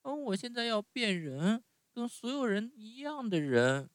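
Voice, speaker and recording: A man voicing an eager, excitable wooden puppet boy in a high squeaky voice, often starting with a hesitant "uh". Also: unhurried, no echo. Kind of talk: bedtime story reading.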